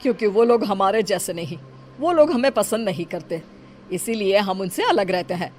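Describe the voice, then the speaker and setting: A woman's voice: medium pitch, normal speed, darkish tone, a little hiss or hum, natural voice. A woman playing a stern motherly elder. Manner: firm, warning.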